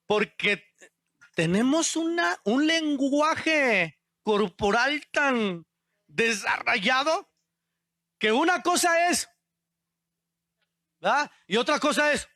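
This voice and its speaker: Slow-speaking pastor, dry sound. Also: male voice, extremely high pitch, pushed and bright, no room sound. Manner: asks the congregation questions, call-and-response. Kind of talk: sermon.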